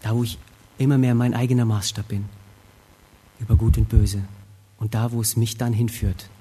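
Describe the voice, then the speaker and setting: A man preaching a sermon, retelling a scripture scene expressively and swinging between hushed reflection and emphatic lines. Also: lowish voice, flat delivery, normal speed, husky.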